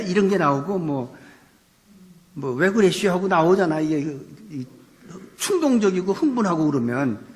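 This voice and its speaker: A male pastor giving an animated sermon, asking rhetorical questions and raising his voice for emphasis. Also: on the high side. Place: church sanctuary. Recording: long reverb of a church hall.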